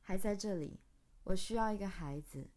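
A woman giving a dramatic reading of a stage text, in short broken phrases and long run-on lists. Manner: intense, halting delivery in short broken phrases; long breathless list, spoken low and soft.

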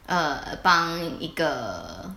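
A young woman chats on a casual podcast, her voice bright and her pitch swinging widely as she tells animated stories and laughs often. The sound carries a noticeable room echo. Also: very slow, creaky. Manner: animated storytelling with frequent laughter. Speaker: podcast co-host. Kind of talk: casual chat.

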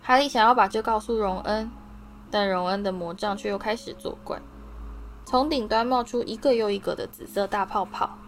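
A woman narrating a fantasy novel as an audiobook reader, in a steady, expressive reading voice. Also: mid-range voice, normal speed, a little hiss or hum. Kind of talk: storybook narration.

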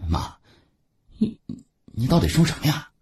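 A man's voice: fairly high pitch, wildly swooping pitch, unhurried, darkish tone, breathy edge, pitched above the performer's own voice, heavily acted. A spoiled, selfish young man, played by a male storyteller in a strained voice pushed well above his own. He sounds a little distant, like a character in an audio storybook. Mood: shocked. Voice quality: strained, raised voice.

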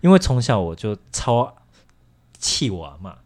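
A man's voice: medium pitch, very animated, a little slow, a little mellow. A young man with a Taiwanese Mandarin accent, telling a personal story in a casual, rambling way on a chat show. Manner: candid, rambling, frequent restarts and laughs.

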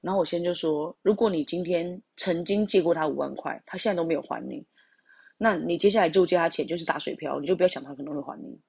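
A woman recounts a personal story at a quick clip, rambling with plenty of fillers and asides to her audience. Her voice is gravelly and a bit husky. The sound is close and dry. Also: lowish voice, darkish tone, dry recording.

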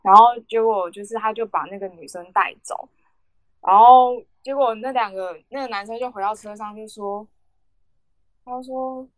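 A woman's voice: fairly high pitch, normal speed, no room sound. A young woman, rambling through a casual story on a podcast with many fillers and restarts. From Taiwan. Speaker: podcast co-host.

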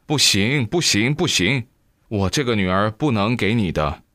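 A man's voice: lowish voice, animated, moderate pace, a bit bright, dry recording, clean studio sound. A man voicing a stubborn old father who scolds and refuses. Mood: scolding. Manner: gruff, scolding. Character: stubborn old father, protective of his daughter.

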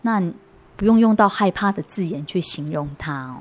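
A young adult woman, an interview guest giving an earnest personal faith testimony, halting and restarting her sentences often. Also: lowish voice, expressive.

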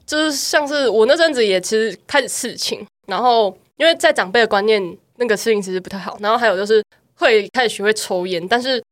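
A young woman shares a candid personal story in casual podcast chat. Her voice sits a little high. She laughs often between her sentences. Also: quick pace. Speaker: podcast co-host.

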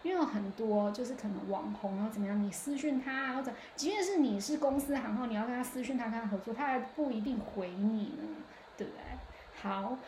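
A woman hosts a solo podcast in a relaxed, chatty monologue. Her voice sits a little on the high side, and she thinks aloud with frequent hesitations and restarts. The recording carries a noticeable room echo. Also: fast, slight background noise. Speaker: podcast host. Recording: echoey room.

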